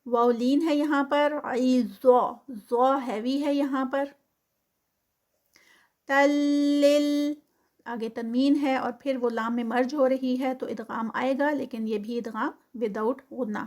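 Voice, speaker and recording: A woman with a high voice gives a Quran recitation lesson. She draws each verse phrase out slowly and carefully. Then she explains the rule in a brisk, matter-of-fact way. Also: steady tone, darkish tone. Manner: slow drawn-out recitation, then quick plain explanation.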